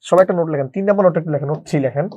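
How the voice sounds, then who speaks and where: A man's voice: on the high side, very fast, warm tone, breathy edge, no echo. A man teaching an English grammar lesson, often repeating his own questions and answering them. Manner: repeats questions and answers them himself, calls listeners brother.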